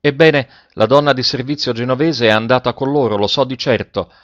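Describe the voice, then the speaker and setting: A man reading aloud and voicing a kind, resolute grey-bearded older gentleman. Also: mid-range voice, a little fast, lo-fi sound, natural voice. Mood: pitying. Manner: kind and resolute, speaks with authority.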